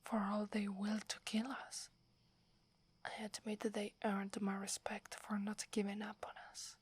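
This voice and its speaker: A woman plays a young female werewolf warrior in an ASMR roleplay, whispering with an Italian accent in a very breathy, slow, completely flat delivery within a narrow pitch range. Loyal and hesitant, she addresses her alpha deferentially, sounding relieved and reflective.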